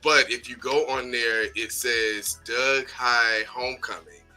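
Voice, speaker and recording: Male host, bright forceful tone, casual and upbeat, light music bed behind. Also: mid-range voice, steady tone, takes it slowly. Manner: upbeat, calls listeners baby and y'all. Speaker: morning show host. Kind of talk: casual morning show hosting.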